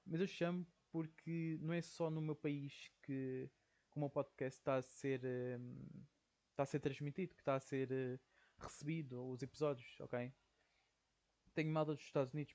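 A man's voice: a little high, a little mellow, highs cut off. A young man from Portugal with a European Portuguese accent, hosting his own podcast in a casual, rambling solo monologue and tagging nearly every phrase with "ok?". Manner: rambling, says "ok?" constantly, slangy. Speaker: podcast host.

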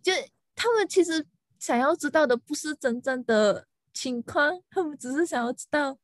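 Venting young woman, high and dry. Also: moderate pace, no room sound. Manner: venting, animated, mixes in English words. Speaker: podcast co-host, lawyer. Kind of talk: casual chat.

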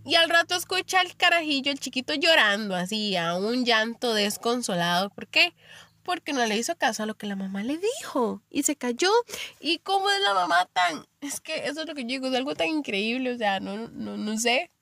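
A woman's voice: a little high, lively intonation, brisk, hardly any pauses, bright, forceful tone, no room sound. A young woman with a Costa Rican accent, hosting a podcast and telling stories in a chatty, filler-heavy monologue. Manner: chatty storytelling with frequent fillers. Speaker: podcast host. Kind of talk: casual monologue.

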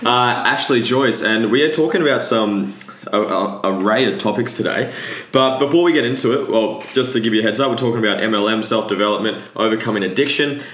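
Male podcast host, slightly low pitch, informal and encouraging, recorded in a very roomy space. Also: fairly quick, fairly bright tone. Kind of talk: casual interview chat. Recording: echoey room.

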